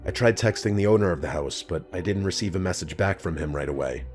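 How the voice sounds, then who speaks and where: Male horror narrator, very low voice, calm even delivery, scripted storytelling. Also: fast. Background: faint background music.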